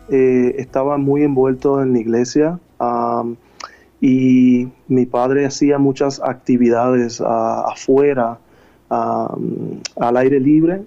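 A man in his thirties from Puerto Rico with a Puerto Rican Spanish accent, a gospel musician speaking haltingly with many fillers in a radio interview. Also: mid-range voice, mellow, dull audio. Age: 30s. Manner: hesitant, many fillers and restarts.

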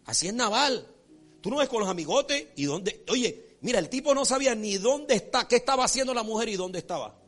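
A man preaching a sermon as pastor, folksy and animated, acting out characters and checking in with his congregation. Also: very high-pitched, a little fast, faint music behind. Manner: repeats rhetorical check-ins with the congregation.

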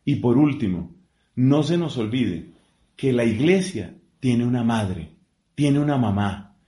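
A priest with a lively, preacherly way of speaking, answering questions in a talk. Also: male voice, medium pitch, takes it slowly, echoey room. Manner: animated, preacherly, lively emphasis.

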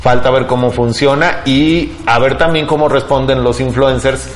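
With a steady, mid-range voice at a moderate pace, this middle-aged podcast host speaks with a Mexican accent. He chats about tech news in a colloquial, conversational way over background music, frequently tacking on small questions to invite agreement.

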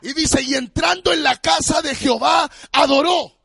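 A pastor, preaching a sermon with impassioned, often shouted, sung-out phrases. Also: male voice, extremely high pitch, moderate pace, vocal fry, no room sound, clean studio sound. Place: church.

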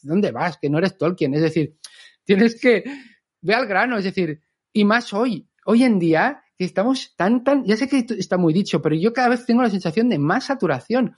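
High-voiced chatty man. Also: normal speed, slightly rough. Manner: lively, chatty, acts out quotes. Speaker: communicator and trainer. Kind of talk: podcast storytelling talk.

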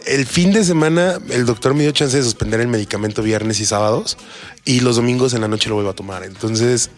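Mexican male guest, casual and teasing, mid-pitched, soft music behind. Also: fairly quick. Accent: Mexican Spanish. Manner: teasing, dry humor. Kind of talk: casual interview chat.

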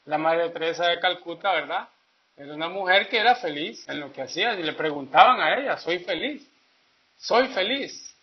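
A high-voiced man preaches a loose, folksy sermon, drifting into jokes and asides and checking in with his listeners again and again. The recording sounds dull and lo-fi. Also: animated, moderate pace, breathy edge. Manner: folksy, tells jokes, keeps asking "¿verdad?".

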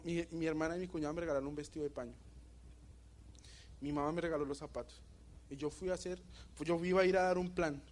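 A young man with a Bogotá Colombian Spanish accent, giving a motivational talk and telling a story with animated energy, often asking the audience questions. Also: fairly high pitch, a little hiss or hum. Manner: animated storytelling, asks the audience questions, laughs at his own jokes. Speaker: motivational speaker.

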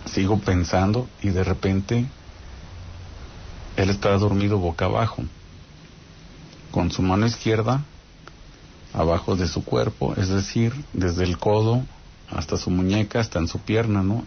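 A man's voice: deep voice, steady tone, unhurried, long pauses, lo-fi sound, slight background noise. A man with a Mexican accent telling a spooky personal story in a casual way, often turning to his listeners to check they follow. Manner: talks straight to listeners with frequent "¿no?" check-ins. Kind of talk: casual spoken ghost story.

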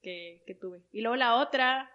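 Una mujer joven con acento mexicano cuenta de forma animada una historia personal en una entrevista e imita las voces de otras personas. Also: female voice, a little high, measured pace, lo-fi sound. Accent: Mexican Spanish. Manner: animated, acts out quoted voices. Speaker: guest. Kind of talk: personal storytelling.

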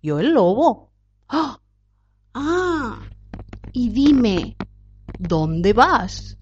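A woman's voice: fairly high pitch, sing-song, drawn-out words, a little mellow, slight background noise, voice pushed up, full character voice. A woman voicing a crafty, scheming male wolf in a children's story. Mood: sly. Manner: coaxing, crafty. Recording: dull lo-fi recording.

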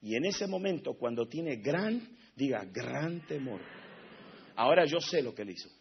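A man preaching a sermon as pastor, moving between hushed, low passages and shouted climaxes. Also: animated, normal speed, creaky, slightly rough, highs cut off.

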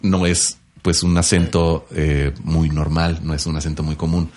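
A man's voice: very deep voice, moderate pace. A young man from northern Mexico with a northern Mexican accent, a voice-over announcer co-hosting a podcast in casual, joking chat. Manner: relaxed, joking, laughs often.

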